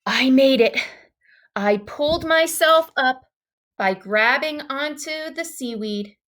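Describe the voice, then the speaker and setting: With emphatic exclamations and a dramatic, expressive style, a high-voiced woman reads a children's book aloud. She keeps a slow pace and stretches out key words for effect.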